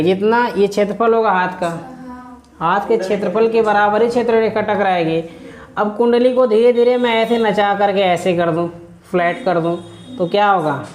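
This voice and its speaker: A man's voice: high voice, darkish tone, echoey room. A male teacher giving a classroom physics lesson, asking questions and then answering them himself while repeating key words.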